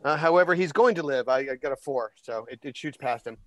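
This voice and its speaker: A man's voice: medium pitch, fast, big-room sound, soft background music. A man playing in a tabletop game, chatting in a jokey, playful way. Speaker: player. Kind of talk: casual tabletop game play.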